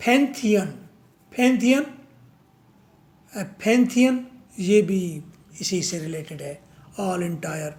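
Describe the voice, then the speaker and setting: A man's voice: high-pitched, drawn-out words, long pauses, a little mellow. A man teaching a vocabulary lesson, drilling words over and over and answering his own questions.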